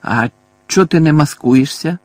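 A shifty, cowardly small-time crook, as a male reader plays him, whining and stammering in a raised, husky voice. He mumbles excuses and grows panicky under pressure. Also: a little high, a little slow, no echo, voice pushed up. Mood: baffled. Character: shifty, cowardly petty thief, scruffy middle-aged man.

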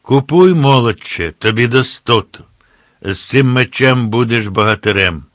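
A man voicing a grey-moustached old sword seller at a market, boastfully shouting his wares, in an audiobook. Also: fairly low pitch, sing-song, unhurried, vocal fry, dry recording, clean studio sound, heavily acted. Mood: hawking loudly.

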